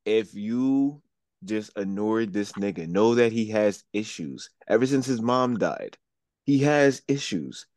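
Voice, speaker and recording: A man's voice: lowish voice, animated, slow, a little mellow, dry recording. A man co-hosting a casual podcast, talking bluntly and with a lot of swearing, and often taking the devil's advocate side. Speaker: podcast co-host. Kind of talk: casual chat.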